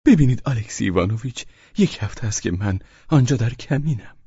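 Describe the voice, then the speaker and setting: A man voicing a fawning, anxious middle-aged man who has been drinking, pleading and stammering in a high-strung way. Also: animated, darkish tone, slightly rough, no echo. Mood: effusive. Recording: dull lo-fi recording.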